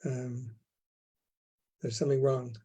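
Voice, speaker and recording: A man heard over a video call as an interview guest, his voice mellow and warm. He speaks calmly and evenly, taking his time with each answer. The sound carries the slight thinness of a remote link. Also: medium pitch, slow, husky. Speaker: head of a theater company.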